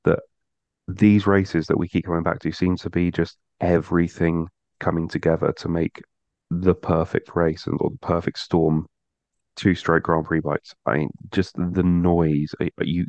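A man's voice: low voice, flat delivery, unhurried, darkish tone, dry recording, lo-fi sound. A man co-hosting a motorsport podcast in casual chat, rambling and restarting his sentences. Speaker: podcast co-host.

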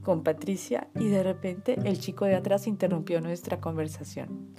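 Woman narrator, soft low voice, intimate storytelling, guitar music behind. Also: fairly even intonation, moderate pace. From Colombia. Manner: soft, intimate, drops to whispers.

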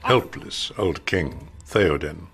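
A man actor giving film commentary, explaining his part in a scene deliberately. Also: low voice, expressive, vocal fry, a bit bright, breathy edge, soft background music.

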